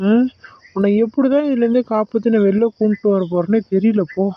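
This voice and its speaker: A man voicing Aravind, a protective young husband who comforts and gently scolds his wife. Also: high-pitched, fairly quick, lightly acted. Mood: comforting. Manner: comforting, coaxing, affectionate scolding. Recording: dull lo-fi sound.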